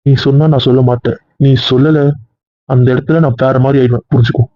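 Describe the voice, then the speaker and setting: Give me a man playing an anxious husband who pleads and pushes, talking fast, in a dry, phone-like recording. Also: medium pitch, fairly even intonation, no echo, close to an everyday voice. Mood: firm. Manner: pleading, then heated and insistent. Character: worried, possessive young husband. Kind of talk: amateur serial drama acting.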